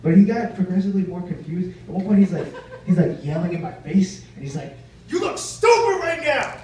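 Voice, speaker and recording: A man's voice: high voice, fast talker, dark tone. Stand-up comic man in an echoey room. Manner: storytelling with acted quotes of other people. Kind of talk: stand-up routine. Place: live cafe venue. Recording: very echoey room, distant mic, noisy ambience.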